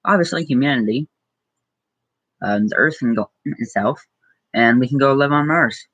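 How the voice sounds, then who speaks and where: Streaming a live Q&A from his bedroom on a computer mic, a teenage small YouTuber with an Arizona accent reads out viewer questions and tosses off answers full of ums and likes. His medium-pitched voice is a bit bright and moves at normal speed, hesitant in manner, and the audio is dull with no room sound.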